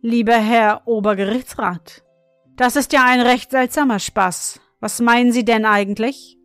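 Woman reading a serious gentle mother. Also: medium pitch, flat delivery, dry recording, faint music behind, close to an everyday voice. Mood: earnest. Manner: earnest, measured.

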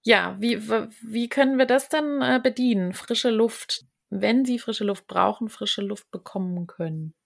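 Woman podcast host, gravelly voice, earnest and emphatic, talks things through in a relaxed conversation. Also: on the high side, a little slow, hardly any pauses. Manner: earnest, emphatic, repeats words while searching. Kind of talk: casual conversation.

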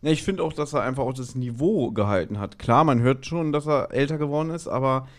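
As a podcast co-host, a man casually recaps and reviews an audio drama, often breaking into amused asides. His voice is mid-range and a little fast.

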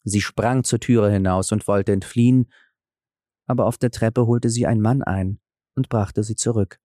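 Man calmly reading a fairy tale. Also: fairly low pitch, measured pace, no echo, clean studio sound. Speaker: narrator.

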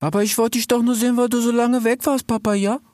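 A man's voice: very high voice, flat delivery, quick pace, darkish tone, no room sound, clean studio sound, voice pushed up. A man voicing a carefree, eager young male desert fox. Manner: eager, boyish.

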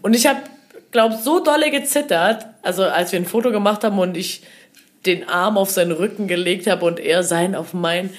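Casting: young woman, excitable podcast co-host, quick giggly storytelling. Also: mid-range voice. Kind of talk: casual chat.

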